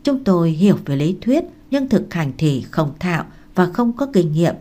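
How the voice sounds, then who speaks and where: A woman reads a young male scholar from a storybook, a calm tutor with a firm, patient delivery. The voice stays low and mellow. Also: normal speed. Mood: reassuring.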